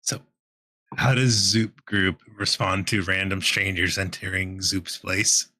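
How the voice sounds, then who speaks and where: A man's voice: low voice, fairly even intonation, slow, pushed and bright. A man playing a tabletop game, chatting casually as a player.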